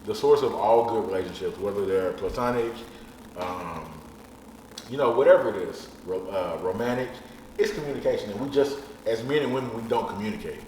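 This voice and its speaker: Frank man in his thirties, fairly low voice, talking casually from off the mic in an echoey room with faint hiss. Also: fairly quick, a little mellow, far from the mic. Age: 30s. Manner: blunt, frank, swears casually. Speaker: podcast guest. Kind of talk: casual chat.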